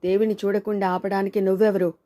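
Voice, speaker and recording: A woman's voice: medium pitch, flat delivery, fast, dark tone, lightly acted. A woman voicing a stubborn, jealous husband in a storybook reading, pressing each word. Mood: insistent.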